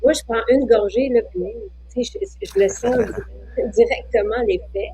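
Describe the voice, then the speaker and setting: A woman's voice: on the high side, unhurried, mellow, a little hiss or hum, poor audio. A woman with a Quebec French accent hosting a casual chat, chatty, sharing her own habits and reading out viewer questions. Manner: chatty, shares personal habits. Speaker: host of the show.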